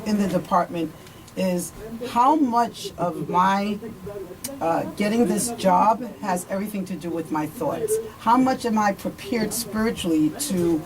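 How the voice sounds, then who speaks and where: Cast a woman radio host with an earnest, thinking-aloud manner and frequent restarts. She sits a little away from the microphone, and a steady murmur of people fills the background. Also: on the low side. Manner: earnest, repeats words while thinking aloud. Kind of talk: casual radio chat. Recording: distant mic with crowd chatter.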